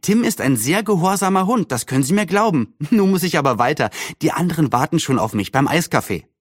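A man voicing a cheerful, lively young girl in a storybook reading, with eager, quick replies. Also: on the high side, no echo, clean studio sound, pitched above the performer's own voice.

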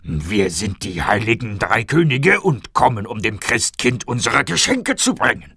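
A man voicing a gentle, bewildered male king in a storybook reading. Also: medium pitch, sing-song, a little slow, husky, no room sound, studio quality, pitched above the performer's own voice, full character voice. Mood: earnest.

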